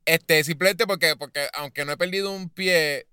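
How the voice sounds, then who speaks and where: A man in casual film chat, animated, acting out screams and slipping in English words. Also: on the high side, normal speed, clean tone, no echo, studio quality.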